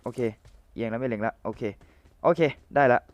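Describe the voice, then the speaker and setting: A young man casually commentating his own game match, playful and chatty with viewers and teammates, his voice a little rough from the cold. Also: medium pitch, normal speed, no room sound, highs cut off.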